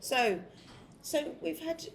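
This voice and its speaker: A woman's voice: sits high, lively intonation, slow pace, vocal fry, background noise. A woman hosting a casual interview, chatty and easily distracted, laughing often. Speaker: host. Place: busy restaurant. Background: restaurant crowd chatter.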